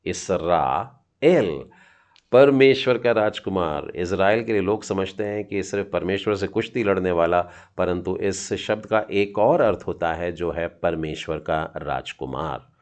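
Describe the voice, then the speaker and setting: A man's voice: low voice, normal speed, few pauses, darkish tone. A middle-aged man teaching a children's Hebrew lesson, patiently sounding out each letter and encouraging his students.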